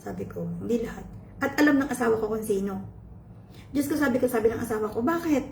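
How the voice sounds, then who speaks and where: A woman's voice: fairly high pitch, quick pace, darkish tone, a little hiss or hum. A woman vlogger tells her viewers a personal story with feeling, often turning to address them and mixing in English phrases. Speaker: cooking channel vlogger. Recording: echoey room with faint ambience.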